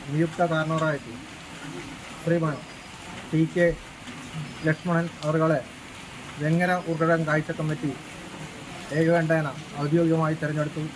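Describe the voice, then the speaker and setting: Halting formal male announcer, noisy recording. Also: fairly high pitch, level tone. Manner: halting, phrase by phrase. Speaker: temple committee announcer.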